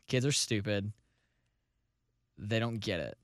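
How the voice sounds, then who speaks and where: A young man with a slightly worn, hoarse voice co-hosting a podcast in casual, sweary, joking chat. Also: lowish voice, animated, takes it slowly, no room sound, clean studio sound. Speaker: podcast co-host.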